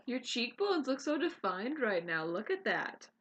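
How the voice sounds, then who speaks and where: A woman's voice: fairly high pitch, big pitch swings, a little slow, fairly bright tone, dull audio, a little hiss or hum. A young woman co-hosting a vlog in casual chat, teasing and laughing. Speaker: vlog co-host.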